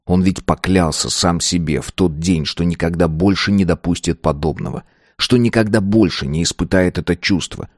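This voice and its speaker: Man reading an audiobook, lowish voice, steady, dry close mic. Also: moderate pace, no echo. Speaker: audiobook narrator. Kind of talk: scripted narration.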